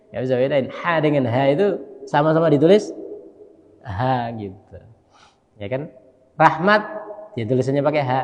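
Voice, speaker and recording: A man teaching a relaxed dawn lesson in a large mosque, his mid-pitched voice trailing into a long hall reverb. He keeps checking with his listeners through quick tag questions and slowly spells out Arabic letters one by one. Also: lo-fi sound. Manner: conversational, keeps asking listeners "ya kan?". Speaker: mosque imam and religious teacher. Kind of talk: casual dawn study lecture.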